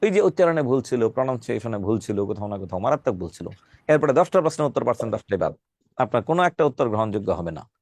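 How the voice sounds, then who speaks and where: A man teaching a classroom lecture, emphatic and repeating key points, spelling words out slowly. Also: medium pitch, big pitch swings, a little mellow, no room sound. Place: classroom with students.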